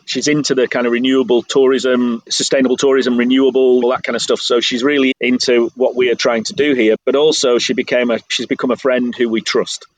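A middle-aged English man talking candidly as an interview guest, measured and self-deprecating. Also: mid-range voice, no room sound, poor audio. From England. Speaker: guest, business owner abroad. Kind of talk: interview conversation.

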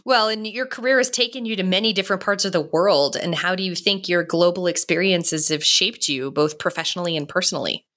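A woman's voice: lowish voice, fairly quick, hardly any pauses, a bit bright. A woman hosting a podcast interview, friendly and asking prepared questions. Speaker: podcast host. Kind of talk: interview host.

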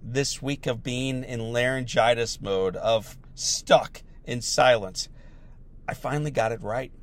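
Still getting over laryngitis, a man with a slightly hoarse, mid-range voice delivers a slow, earnest motivational talk. He sounds reflective and repeats key phrases to drive them home.

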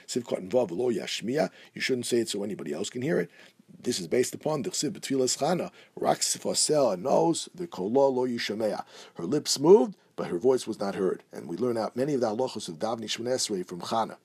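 Fast-talking husky man teaching halacha. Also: mid-range voice, expressive, darkish tone. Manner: reads Hebrew and Aramaic quotes, then explains in English. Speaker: Torah teacher. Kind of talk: halacha class, reading and translating texts.

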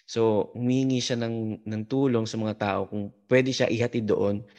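A man, a podcast guest, telling a story in casual talk, halting and full of fillers and restarts. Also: on the low side, fairly even intonation, darkish tone, dull audio.

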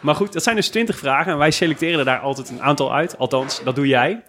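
A man's voice: fairly high pitch, fast talker, fairly bright tone, a little hiss or hum. A man hosting a casual interview podcast, feeling his way into questions with repeated phrase openings.

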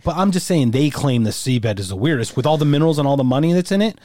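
Animated, swearing man in a dry room. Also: fairly high pitch, quick pace, dry recording. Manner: profane, bantering. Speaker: podcast host. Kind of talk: casual chat.

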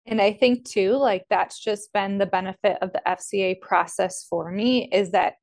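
A young woman speaks in a faith-centered interview, earnest and reflective. Her voice sits in a middle register as she recounts her story with quiet conviction. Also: mid-range voice, fairly even intonation, normal speed, gravelly. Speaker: coaching student, nutrition business owner. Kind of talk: faith-based interview conversation.

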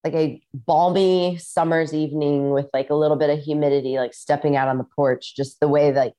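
Speaking from a farmhouse in rural Iowa, this musician guest from the Midwest chats over a video call, wandering through stories full of fillers and "like"s. Her voice is low-pitched and dark, with a steady tone, and she talks a little fast.

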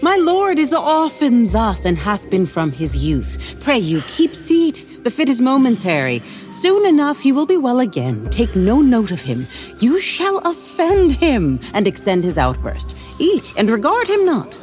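A woman's voice: on the high side, wildly swooping pitch, measured pace, hardly any pauses, a little mellow, faint music behind. An actress playing a scheming, commanding queen in a Shakespearean stage style, scolding her husband in a controlled way. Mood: soothing.

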